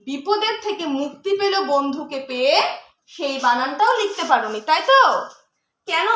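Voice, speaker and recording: A woman's voice: very high-pitched, sharp tone. A woman teaching young children as a primary school teacher, explaining patiently and asking her class many questions. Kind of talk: teaching children Bengali conjunct letters. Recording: echoey room.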